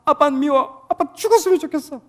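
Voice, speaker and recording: A man voicing an upset young boy who complains about his drunk father in whiny, high-pitched outbursts. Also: fairly quick.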